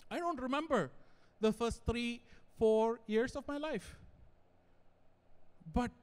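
A young man preaches from the pulpit, his voice sitting high for a man. He talks in an animated, conversational way, often stepping aside for a joke before coming back to his point. Long reverb from the church hall trails behind every phrase. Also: takes it slowly, clear, resonant tone. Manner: animated, digressive, joking asides. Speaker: pastor. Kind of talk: sermon.

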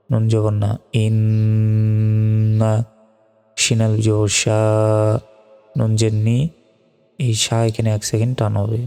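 A man from Bangladesh teaches recitation, spelling out each sound and then chanting the word at length. His voice is dark and mellow. Long reverb hangs on every word, with faint music underneath. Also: lowish voice, vocal fry. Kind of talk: slow spelled-out recitation lesson.

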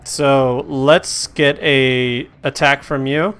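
A man running a tabletop game as game master, narrating the action and calling for rolls in a casual, animated way. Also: medium pitch, clear, resonant tone. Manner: casual, animated narration with quick rules calls.

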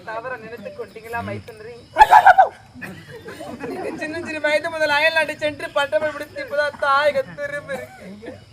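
A street-play performer voicing a stern royal sister-in-law who commands and coaxes. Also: female voice, sits high, big pitch swings, moderate pace, long pauses. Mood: coaxing. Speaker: street theatre actor. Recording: outdoor stage, loud crowd and noise.

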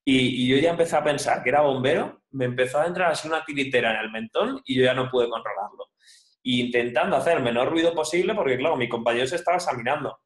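A man tells his story calmly and in measured detail. His voice is mid-pitched and sounds roomy and echoey. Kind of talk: casual chat. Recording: roomy echo.

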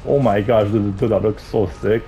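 A young man doing casual gameplay commentary in a profane, excitable frat-bro manner. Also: lowish voice, moderate pace, dull audio, a little hiss or hum. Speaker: gamer playing and commenting on a shooter game.

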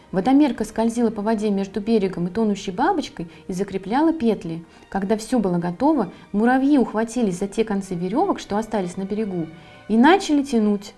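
A woman, the author, reading her own fairy tale for children, with a calm, expressive delivery. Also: medium pitch. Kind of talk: storybook narration for children.

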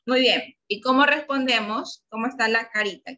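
A woman teacher with an Ecuadorian Spanish accent leads a children's English class. Her voice is bright and clear, and she keeps coaxing the pupils with patient questions. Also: fairly high pitch, measured pace, lo-fi sound. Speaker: primary school English teacher. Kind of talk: online class lesson.

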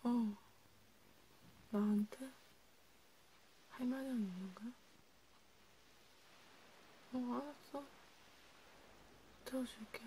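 Slow, soft-spoken woman in whispered role-play. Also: on the high side, a little hiss or hum, low-quality recording. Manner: soft and soothing, slipping between quiet voice and whisper. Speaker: ASMR creator.

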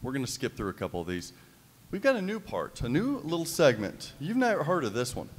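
A man's voice: mid-range voice, a little fast, husky. Guy hosting a live panel, bouncy, teasing, echoey convention room. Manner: lively, playful, quizzing the audience. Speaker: podcast host running a live panel. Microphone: table mic on a stand. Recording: hall reverb from a convention room.

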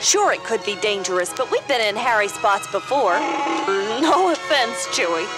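A woman playing a confident, teasing young rebel princess, brisk and informal, in a storybook recording. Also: a little high, very animated. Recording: loud music under the voice.

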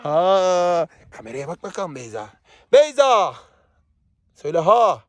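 Playful male village vlogger from Southeast Turkey, slightly high voice, dry close sound. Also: moderate pace, dry recording. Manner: playful, teasing, chatty. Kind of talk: casual vlog chat. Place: outdoors in a rural village with livestock.

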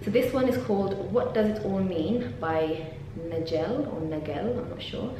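A chatty, animated young woman from London, a PhD student vlogger, talks casually to camera from a university office lab, with lots of ums and laughs. Her voice is medium-pitched at a normal speed. The camera sits on the desk before she goes handheld for selfie shots, and the very echoey room carries a faint hum.

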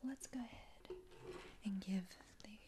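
A young woman in a whispered role-play as an attentive, reassuring spa attendant, speaking softly and close up. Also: mid-range voice, slow, slight background noise. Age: young adult. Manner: soft-spoken, attentive, reassuring customer-service talk. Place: small dim indoor room.

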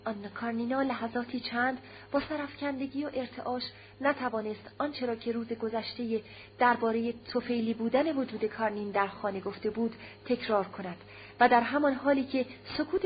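Woman narrator, audiobook, measured reading, slightly high voice, muffled audio, faint hum in background. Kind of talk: scripted narration of a classic novel.

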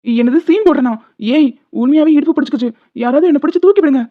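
A bickering young husband in a cartoon whines and threatens by turns, voiced high by a woman. The sound is narrow and tinny, like it came down a phone line. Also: racing, close to an everyday voice. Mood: insisting. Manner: pleading and cocky by turns, threatening. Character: bickering young husband, sprawled on a broken bed.

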